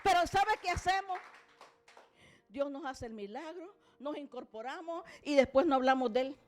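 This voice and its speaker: A woman's voice: high voice, expressive, normal speed. A woman preacher giving an emphatic sermon to a church congregation, calling out to the people. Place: church service.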